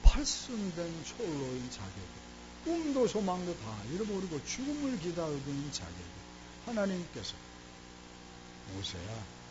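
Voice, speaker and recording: Lively preaching man, lo-fi noisy recording. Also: high-pitched, normal speed. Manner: animated preaching that swells to loud exhortation. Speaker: pastor. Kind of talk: sermon. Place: church sanctuary. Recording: dull lo-fi church recording with noise.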